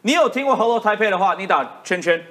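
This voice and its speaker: A woman's voice: mid-range voice, expressive, quick pace, a bit bright. A woman with a Taiwanese accent giving live political commentary in an emphatic way, repeating her points for effect. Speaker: political commentator on a talk show.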